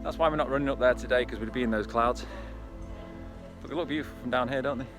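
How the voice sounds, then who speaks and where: With music behind him, a man talks to his viewers at a quick pace as he runs a hillside trail beside reservoirs. His voice is medium-pitched, and his vlog style is conversational and encouraging.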